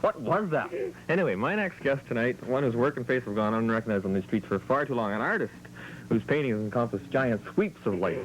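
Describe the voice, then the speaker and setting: A man hosting an amateur comic talk show, introducing guests with mock-formal, deadpan patter. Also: medium pitch, a little fast, slight background noise, rough recording.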